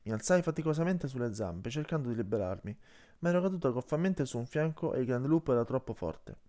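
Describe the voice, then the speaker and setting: A man narrates an audiobook with an animated, widely varying voice at a middle pitch. He reads expressively, shifting his tone for every character. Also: fast. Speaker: audiobook reader.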